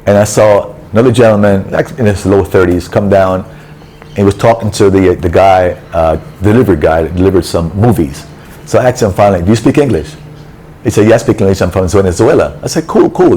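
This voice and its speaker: Speaking in a low voice over slight background noise, a male travel vlogger vents about something that happened in his city apartment building. He tells it as an exasperated, animated story, voicing both sides of the quoted dialogue.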